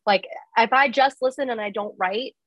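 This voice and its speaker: A woman's voice: on the high side, normal speed, a bit bright, dry recording. Hesitant woman asking in class, muffled. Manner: hesitant and unsure, with restarts. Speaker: workshop participant.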